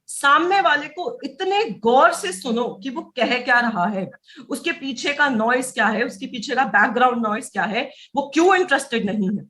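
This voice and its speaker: A woman's voice: on the high side, lively intonation, moderate pace, bright, forceful tone. A woman teaching a motivational sales lesson, emphatic and repeating key phrases. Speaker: sales trainer.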